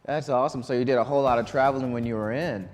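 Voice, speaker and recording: A man's voice: mid-range voice, fairly even intonation, rapid-fire, darkish tone. A man hosting a live student quiz show in a college broadcast studio, chatting loosely with many ums and restarts. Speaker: game show host.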